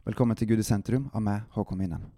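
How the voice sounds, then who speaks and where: A man hosting a devotional podcast, introducing a psalm and then reading it aloud in a calm, steady manner. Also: fairly low pitch, vocal fry, background noise.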